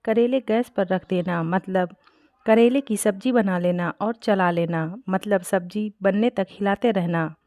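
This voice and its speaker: A woman reading aloud voices a weary older mother-in-law who keeps scolding her foolish daughter-in-law. Her delivery is exasperated and sharp-tongued at a middle pitch. The recording is close and dry. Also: measured pace, no echo, close to an everyday voice. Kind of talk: storybook character reading.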